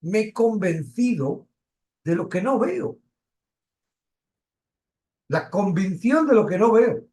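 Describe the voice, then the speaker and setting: A man's voice: sits high, lively intonation, a little mellow. A man from teaching a Bible study, asking questions and stressing key words. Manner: questioning, emphatic, pauses and restarts.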